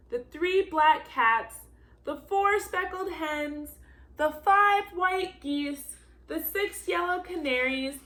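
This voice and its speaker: Her voice sits high with a fairly bright tone. The volunteer storybook reader delivers a children's story theatrically, lengthening repeated action words to give them weight.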